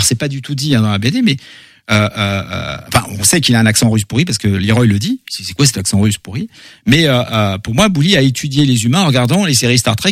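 A man's voice: medium pitch, no room sound, studio quality. A man, a comic book author, chatting casually in an interview with lots of fillers and repeated words.

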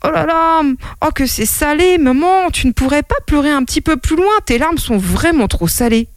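A woman voicing a cheerful, cheeky young boy in a read-aloud children's tale, with high, eager exclamations. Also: expressive, moderate pace, no room sound, studio quality. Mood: complaining.

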